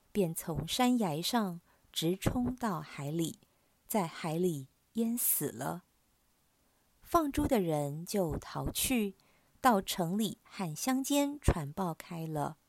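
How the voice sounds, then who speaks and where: A woman hosting a prayer program, reading scripture in a measured, solemn way. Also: on the low side, a little mellow, dry recording.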